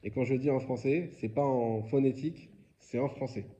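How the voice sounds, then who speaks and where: A rabbi teaches a religious quiz class, explaining things casually and posing questions to his students before answering them himself. His voice sits in the middle range, mellow and moderately paced, and the recording sounds dull.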